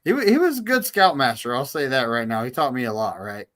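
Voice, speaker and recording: A man's voice: mid-range voice, huge pitch swings, quick pace, a bit bright. A man in casual chat, telling anecdotes in an easygoing way. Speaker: podcast panelist.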